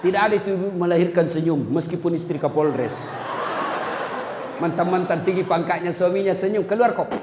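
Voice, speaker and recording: High-voiced joking preacher in an echoey hall. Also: male voice, fairly quick. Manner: jokey, acts out quoted couples' talk. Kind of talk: humorous sermon. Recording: echoey hall with background noise.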